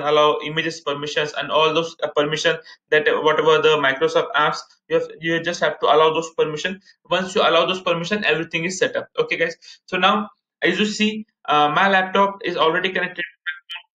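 Calling his viewers "guys," a thirtyish man with an Indian accent walks through a casual screen-share tutorial one step at a time, repeating points often. His fairly high voice is level, pushed, and bright, and he talks a little fast. Everything sounds muffled and echoey, recorded in a room.

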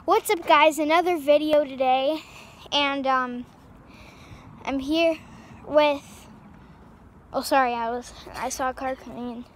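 This casual vlog chat comes from a teenage girl holding her phone camera outdoors on a street, rambling along with many fillers and restarts. She has a high voice with a steady tone, speaking at an unhurried pace and pausing often. There is slight background noise.

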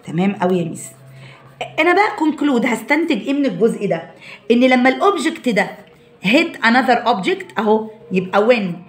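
Fast-talking Egyptian woman teaching science. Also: on the high side, expressive. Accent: Egyptian Arabic. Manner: mixes English science terms into explanations and checks understanding often. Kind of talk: online science lesson for children.

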